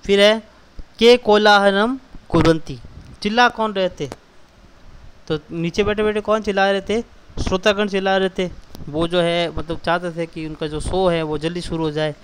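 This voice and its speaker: A man's voice: high-pitched, steady tone, normal speed, slight background noise. Patient male teacher explaining word by word. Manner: repeats and glosses each word, patient step-by-step explaining. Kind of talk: explaining textbook exercises to schoolchildren.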